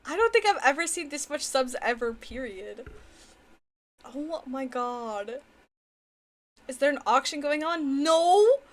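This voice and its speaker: A woman with a high voice chats to her livestream viewers like a playful gamer girl. She is giggly and excitable, full of exclamations, yet fairly unhurried in her pace. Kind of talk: casual livestream chat to viewers.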